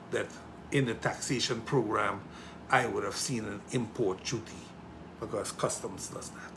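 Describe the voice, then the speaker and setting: A middle-aged man gives impassioned political commentary, emphatic, with rhetorical questions that build to loud indignation. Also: lowish voice, noisy background. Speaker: political commentator hosting a show.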